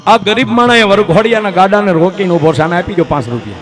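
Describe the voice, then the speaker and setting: A man telling a devotional folk tale in a dramatic storytelling style, at times bursting into high, loud exclamations. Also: fast. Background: guitar music.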